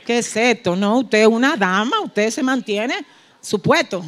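A woman preacher. She delivers a fervent sermon and swings from hushed, intimate asides to shouted peaks. She acts out bits of dialogue in quoted voices. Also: on the high side, lively intonation, measured pace. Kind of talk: Pentecostal-style sermon.

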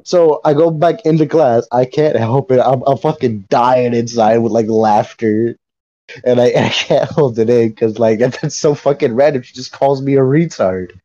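A man's voice: mid-range voice, moderate pace, dark tone. A man co-hosting a podcast, telling a rambling, profane story and laughing often in casual chat. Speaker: podcast co-host. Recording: dull lo-fi sound.

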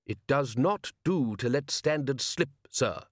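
Man doing a fussy proper butler, polite sir-every-line manner, lively pitch, dry close sound. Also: dry recording. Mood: prim. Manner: formal, fastidious, deferential. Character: prim devoted male butler.

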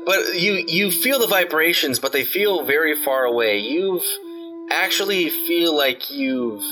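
A man's voice: on the high side, expressive, unhurried, sharp tone, faint music behind. A man narrating a tabletop game as game master, rambling with many fillers.

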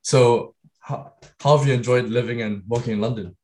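A man's voice: medium pitch, fairly even intonation, normal speed, darkish tone. A man hosting a podcast, reading a formal guest introduction and then asking brief questions. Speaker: podcast host. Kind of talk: podcast interview.

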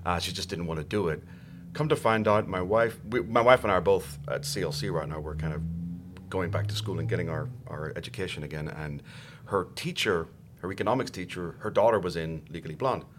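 A man's voice: deep voice, brisk, a bit bright, a little hiss or hum. A middle-aged Irish man chatting as a podcast guest, hesitant and self-deprecating, often repeating words as he goes. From Ireland. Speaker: guest actor. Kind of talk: casual podcast chat.

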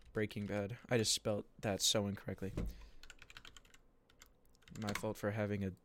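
A man's voice: on the low side, a little hiss or hum. A young man co-hosting a casual podcast, rambling with lots of fillers and bursts of laughter. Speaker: podcast co-host. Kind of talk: casual chat.

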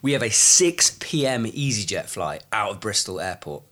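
Male podcast host, wry and chatty, lower register with a bright edge and light gravel. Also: big pitch swings, moderate pace. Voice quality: slightly gravelly. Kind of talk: casual chat.

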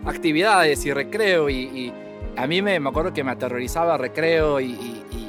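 A young man, a guest telling his story in a lively way and slipping English phrases in among fillers. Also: on the high side, normal speed, music in the background. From Peru. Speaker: guest scientist. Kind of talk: casual interview storytelling.

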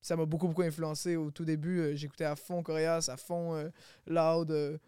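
A man's voice: fairly high pitch, flat delivery, a little fast, dark tone, clean tone, dry recording, clean studio sound. A man who is a rapper, guesting on a podcast and talking candidly and easily about his music. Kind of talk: casual chat.

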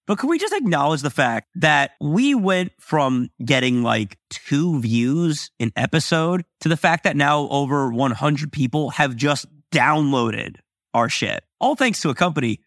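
A man co-hosting a casual podcast, joking around excitedly and swearing freely. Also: fairly high pitch, measured pace, dry recording, studio quality. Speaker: podcast co-host.

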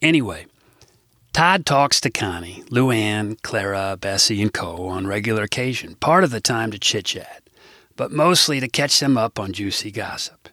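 A man's voice: on the low side, animated, moderate pace, sharp tone, no room sound, clean studio sound. A man reading his own comic novel aloud, with wry, irreverent asides to the listener. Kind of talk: comic audiobook narration.

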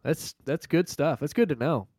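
A man co-hosting a live podcast, swearing constantly through loud, teasing banter over a video call. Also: a little high, normal speed, dry recording, clean studio sound. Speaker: podcast co-host. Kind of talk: crude casual chat.

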